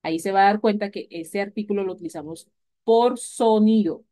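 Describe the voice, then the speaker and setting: A woman's voice: mid-range voice, brisk, mellow. A woman teaching an English grammar lesson to a class, explaining patiently and checking in with her students often. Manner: patient, repeats key points, asks "¿vale?" often. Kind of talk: recorded class lecture.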